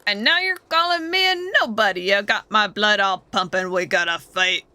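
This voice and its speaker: A woman's voice: medium pitch, normal speed, pushed and bright. A woman voicing a hotheaded spider in a game who talks in brash slang and wants to fight. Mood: belligerent. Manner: brash slangy trash talk.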